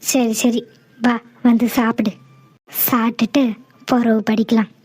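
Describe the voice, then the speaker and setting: A dutiful young village sister in a cartoon drama, with a high but mellow voice. She speaks gently and politely. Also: little pitch movement, unhurried. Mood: caring. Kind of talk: animated cartoon voice acting.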